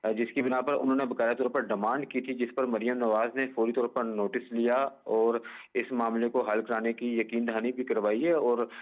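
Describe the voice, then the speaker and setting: A male sports reporter phoning in a measured, formal live report over a phone line that breaks up and cuts out, pausing often with "uh". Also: mid-range voice, little pitch movement. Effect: phone line breaking up and cutting out.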